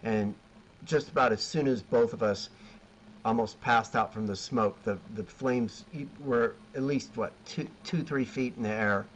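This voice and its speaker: A man's voice: medium pitch, measured pace. A man chatting loosely about barbecue catering, his stories wandering and self-mocking. He comes through a video call that sounds dull and lo-fi. A faint hiss sits behind his voice. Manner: rambling storyteller, laughs at himself. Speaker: BBQ caterer, guest. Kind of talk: casual chat.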